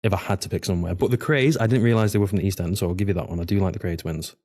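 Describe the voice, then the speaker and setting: A man's voice: low voice, rapid-fire, a little mellow. A man from Manchester, co-hosting a podcast in casual chat, dry and joking with frequent ums. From North of England, Manchester. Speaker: podcast co-host. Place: podcast studio table.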